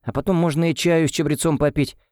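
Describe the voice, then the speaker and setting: A man's voice: fairly high pitch, fairly even intonation, fast, darkish tone, no room sound, clean studio sound, voice pushed up, lightly acted. A man voicing a frightened, doting elderly woman nanny who pleads breathlessly and tearfully in an audiobook. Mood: panicked. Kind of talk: audiobook character voice.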